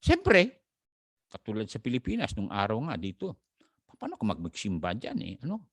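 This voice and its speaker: A man's voice: on the low side, wildly swooping pitch, fairly quick, husky, no echo, studio quality. A male pastor with a Filipino accent preaching a sermon, reading scripture in English and explaining it in Tagalog, greeting viewers by name.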